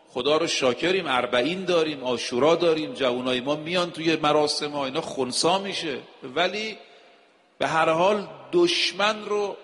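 A man's voice: fairly high pitch, a bit bright. Emphatic male preacher in a reverberant hall. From Iran. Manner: emphatic, rhetorical questions, quotes scripture. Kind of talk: sermon.

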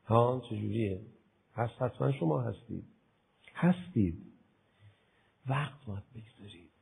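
A man preaching a religious sermon, acting out imagined talks with his listeners, going from a soft murmur to loud outbursts. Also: medium pitch, animated, vocal fry, breathy edge, poor audio. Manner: acts out both sides of imagined dialogues with listeners; swings from soft murmur to loud impassioned exclamation.

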